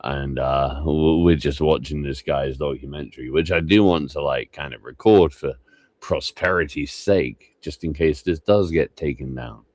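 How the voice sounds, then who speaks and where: A man's voice: very deep voice, moderate pace, darkish tone, no echo. A tired man rambling and swearing casually as he streams live reaction commentary. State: tired, low energy.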